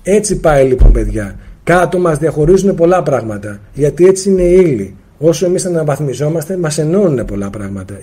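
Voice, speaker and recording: A man from Greece leads a live seminar and answers viewer questions. His voice sits a little high, with a husky, mellow, warm tone. He talks to listeners as friends and breaks into quick acted-out exchanges with sudden swings in pitch. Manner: addresses listeners directly as friends. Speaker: spiritual teacher.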